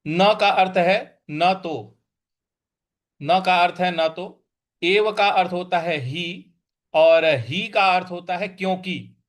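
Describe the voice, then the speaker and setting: A man's voice: high-pitched, slow. A man teaching scripture pronunciation, breaking words into syllables and chanting the verse. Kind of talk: recitation and pronunciation lesson.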